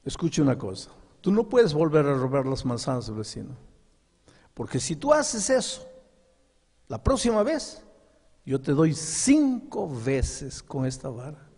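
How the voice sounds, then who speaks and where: A man's voice: medium pitch, husky, heavily acted. A man voicing a firm but loving mother laying down the rules to her son, in a sermon story. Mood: stern. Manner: firm, deliberate, lively. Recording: long echo of a large hall.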